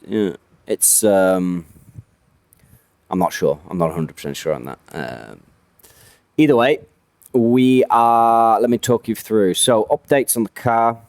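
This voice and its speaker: A man's voice: fairly low pitch, a little mellow, smooth, no echo. A man giving casual, rambling commentary on a racing game, often correcting himself mid-sentence. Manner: rambling, self-correcting, chatty.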